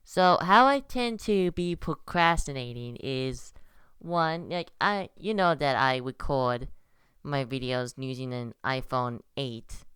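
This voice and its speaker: A woman's voice: rumbling low, slow pace, a bit bright, clear, resonant tone, no room sound, clean studio sound. A young woman vlogging at home, rambling casually and hesitantly with many restarts. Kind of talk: casual vlog monologue. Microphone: computer recording.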